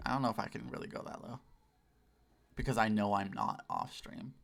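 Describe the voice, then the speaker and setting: A man in his late twenties streams a game and chats casually, deliberately raising his voice into a customer service tone. His pitch sits on the low side but swoops wildly, and the gravelly voice has a fairly bright tone. He's sweary and self-deprecating.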